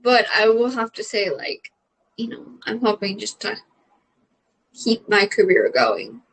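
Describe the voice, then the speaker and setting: A woman's voice: mid-range voice, sing-song, measured pace, rough recording. A young adult woman, a comedian, chatting casually as she answers questions, rambling with lots of fillers and casual swearing. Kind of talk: casual chat.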